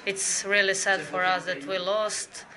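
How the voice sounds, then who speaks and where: A young woman footballer from Serbia with a Serbian accent, answering post-match questions in halting non-native English with small laughs. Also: medium pitch, little pitch movement, a crowd in the background, low-quality recording. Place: indoors by a brick wall after a match. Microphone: handheld mic on a stand near the chin.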